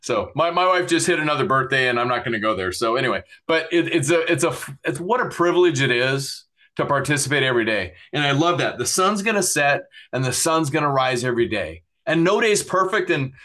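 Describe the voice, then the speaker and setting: A man's voice: medium pitch, animated, a little fast, sharp tone. A middle-aged man hosting a podcast, earnestly thanking his guest and listeners and plugging websites, with many fillers. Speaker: podcast host.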